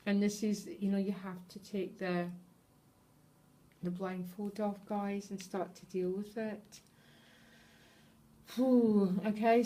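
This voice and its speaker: A woman giving a tarot reading straight to her viewers, earnest and openly emotional, often pausing to check in with them. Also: mid-range voice, darkish tone. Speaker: tarot reader.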